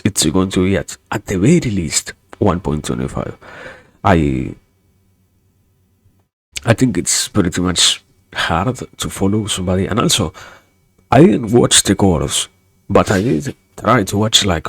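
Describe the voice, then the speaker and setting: This virtual streamer is a young man whose deep voice sounds gravelly, husky, and a bit bright, captured with no room sound. Speaking English with a non-native accent, he rambles hesitantly through casual livestream chat, repeating words with a wry, sarcastic streak.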